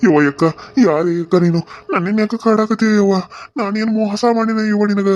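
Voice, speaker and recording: A man's voice: high-pitched, a little fast, background noise, lightly acted. A man voicing a frightened older man, a heart patient, pleading in a North Karnataka Kannada accent.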